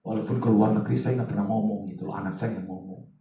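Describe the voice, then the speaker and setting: Pastor preaching in an echoey hall. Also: male voice, lowish voice, fairly even intonation, fast talker, recorded from a distance. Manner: chatty, swings from loud to hushed asides. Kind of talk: sermon. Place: large church hall.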